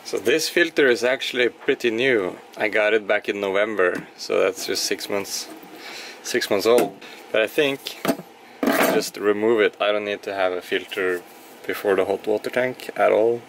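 A young man with a low, gravelly voice vlogs from the cockpit and cabin of a small sailboat at a moderate pace. His commentary is casual and informal, thought out as he goes. The handheld camera, at arm's length, captures noisy audio with a steady hum.

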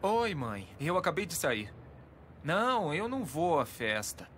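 An actor playing an awkward teenage fast-food worker in an animated series dub, sarcastic and hesitant. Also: male voice, a little high, background noise. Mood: sheepish.

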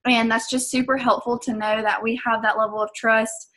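A young woman with a Southern US accent has a slightly bright voice on the high side, a flat delivery and a moderate pace. In a casual vlog to camera, she talks earnestly and chattily about her coaching business, using lots of fillers.

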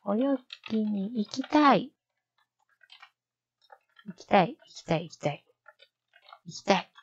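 A woman streamer chatting casually to herself, slowly repeating practice sentences and musing aloud. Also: medium pitch, expressive, husky, highs cut off. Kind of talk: casual live-stream commentary.

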